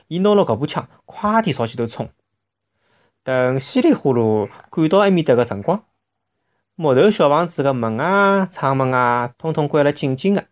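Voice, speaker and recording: Very animated Shanghainese-accented storyteller. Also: medium pitch. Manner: expressive, with vivid sound words. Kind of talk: animated children's story narration.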